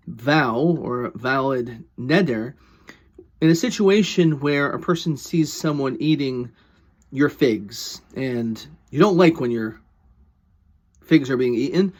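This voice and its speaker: A man teaching as a rabbi in an explanatory, questioning way, posing rhetorical questions and repeating points for emphasis. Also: mid-range voice. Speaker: rabbi teaching a Talmud lesson. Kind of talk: explanatory religious lesson.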